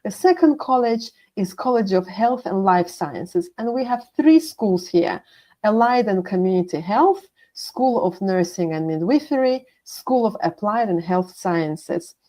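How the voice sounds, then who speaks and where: A woman's voice: mid-range voice, lively intonation, unhurried, warm tone. A woman working as a university international manager, giving a scripted presentation and methodically listing course names.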